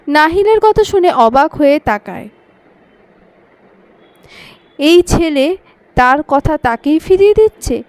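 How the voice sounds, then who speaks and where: A woman narrating a Bengali audio story in a steady, expressive reading voice. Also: sits high, dry recording.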